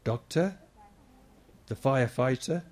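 A man giving a lively children's talk in church, acting out his points with big shouts and questions. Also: medium pitch, takes it slowly. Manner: animated, acts out shouting for help.

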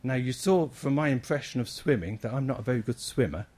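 A man giving a lively children's talk in church, acting out his points with big shouts and questions. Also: medium pitch, quick pace, breathy edge. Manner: animated, acts out shouting for help.

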